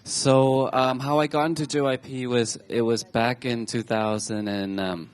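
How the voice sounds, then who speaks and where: On a stage talk show, a Thai man in his twenties shares personal stories with the audience, chatty but halting, and often restarts his sentences. His voice is mid-range with a steady tone.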